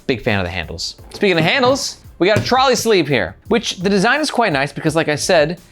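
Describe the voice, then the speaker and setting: A man's voice: sits high, big pitch swings, brisk, fairly bright tone, soft background music. A man giving a casual product review, chatty and playful, with slang and jokes. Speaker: bag reviewer.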